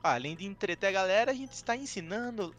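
A man's voice: high-pitched, expressive, quick pace, fairly bright tone, faint music behind. A man playing along with friends, joking, laughing and yelping in casual group gameplay chat. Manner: jokey, yelps and laughs often. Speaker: gaming friend.

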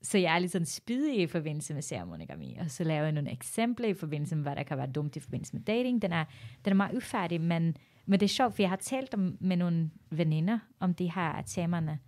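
A woman comedian talking as a podcast guest in casual chat, thoughtful and measured. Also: lowish voice, big pitch swings, a little mellow.

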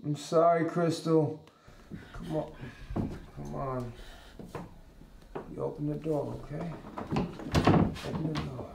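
A man playing a hot-tempered drunk husband who slurs and blusters, then flares up into shouting. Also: on the high side, steady tone, slow pace, vocal fry, pauses often, background noise. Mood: drunk pleading. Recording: echoey room, distant mic.

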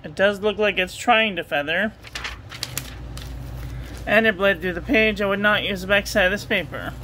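A woman reviewing ink and paper at a home desk, talking through a steady, repetitive checklist and getting excited about the ink colors. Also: mid-range voice, moderate pace, slight background noise, rough recording. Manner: enthusiastic over ink colors. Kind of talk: casual product review voice-over.

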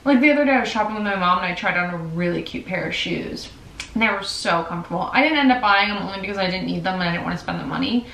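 A woman's voice: mid-range voice, quick pace, vocal fry, a bit bright. A woman in her twenties chatting casually and upbeat in a bedroom vlog. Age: 20s. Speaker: vlogger. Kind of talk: casual chat. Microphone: far camera. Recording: roomy, from a distance.

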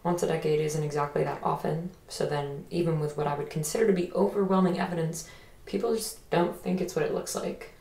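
A woman's voice: deep voice, steady tone, fairly quick, vocal fry. An actress playing a young woman haunted by a friend's death, who speaks hesitantly and reflectively in an audio drama. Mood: earnest. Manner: hesitant, soft-spoken, reflective. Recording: roomy echo.

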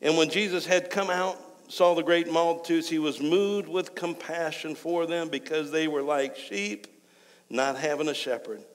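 A male pastor preaching a sermon, emphatic and rising to excited, raised delivery. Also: a little high, moderate pace. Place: church sanctuary. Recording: church hall reverb.

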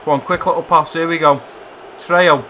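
A man giving excitable live commentary while playing a football video game, shouting encouragement at his players. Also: on the high side, a little fast, slight background noise. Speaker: gamer playing a football career mode.

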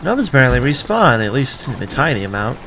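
A man's voice: mid-range voice, expressive, quick pace, a bit bright, faint music behind. A man casually commenting while playing a video game, with wry, offhand asides. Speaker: let's play gamer.

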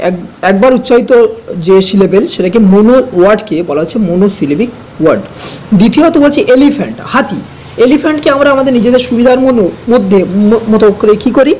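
A man's voice: sits high, a little mellow, a little hiss or hum, low-quality recording. Patient male teacher. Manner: slow, patient, repeats each definition and spells words out. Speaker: English teacher. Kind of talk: explanatory grammar lesson.

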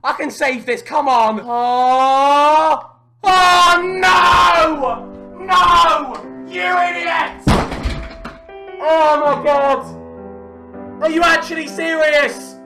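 A young British man reacting to a football video game in a bedroom, exasperated, sweary and repeating himself as he shouts. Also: very high voice, fairly even intonation, drawn-out words, over a noisy crowd. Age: young adult. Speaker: gaming video creator playing a football game. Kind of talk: raging gameplay reaction commentary. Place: small furnished bedroom indoors. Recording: music playing behind the voice.

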